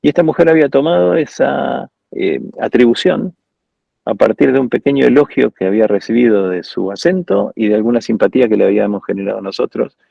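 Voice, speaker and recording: A man's voice: medium pitch, lively intonation, a little fast, vocal fry, warm tone, breathy edge, dry recording, highs cut off. A man with an Argentine accent, a guest speaker at an architecture school, giving an informal lecture over a video call in a reflective, digressive storytelling way.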